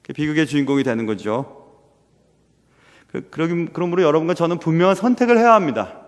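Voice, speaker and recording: Young male pastor, high lively voice, earnest sermon delivery in a reverberant church. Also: brisk. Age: young adult. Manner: earnest, rhetorical questions, drops to a hush at times. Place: church sanctuary. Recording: long reverb of a church hall.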